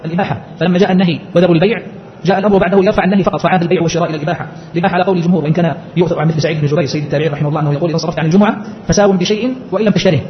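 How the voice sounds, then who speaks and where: A man's voice: high voice, fairly even intonation, very fast, a little hiss or hum. A man teaching and explaining a scholarly text, posing rhetorical questions as he goes. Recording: muffled lo-fi lecture recording.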